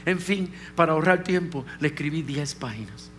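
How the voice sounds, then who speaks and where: A male pastor with a high voice preaches with animated storytelling and turns to address his listeners directly. A faint hiss runs under the recording. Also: moderate pace. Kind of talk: sermon.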